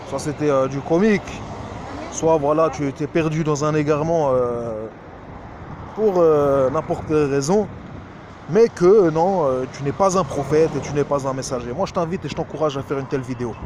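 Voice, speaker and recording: A man's voice: on the high side, moderate pace. Scornful man ranting, traffic faint behind. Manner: scornful, mocking, hesitant with many fillers. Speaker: YouTuber answering a rival. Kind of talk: direct-address rant video.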